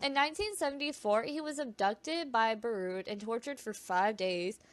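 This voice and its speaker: Reading creepy true stories from a script, this video narrator has a fairly high voice and moves at a normal speed. Her tone stays informal, with occasional stumbles and self-aware side comments, and the recording is dry.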